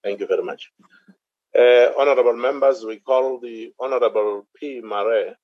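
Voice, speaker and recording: A South African man presiding over parliament, speaking in courteous, halting procedural phrases. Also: mid-range voice, dry recording, muffled recording. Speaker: house chair presiding. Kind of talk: procedural chairing.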